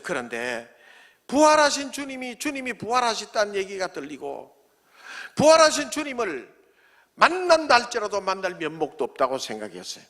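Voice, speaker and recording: Pastor, male, high and very lively voice, dramatic sermon delivery. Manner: dramatic, acts out quoted voices, swings from loud to hushed.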